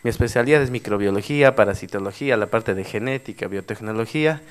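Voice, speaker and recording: Animated man storytelling. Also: on the low side, fast talker. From Peru, Cusco region. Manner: animated storyteller with frequent tag questions. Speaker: former district mayor giving a workshop talk. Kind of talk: anecdotal conference talk.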